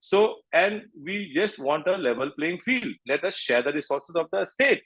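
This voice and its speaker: Middle-aged male interview guest, Indian accent, notably high-pitched voice, arguing emphatically with the odd Hindi phrase. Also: expressive, normal speed, fairly bright tone. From Manipur, northeast India. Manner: emphatic, repeats points, slips into Hindi phrases. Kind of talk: impassioned political interview talk.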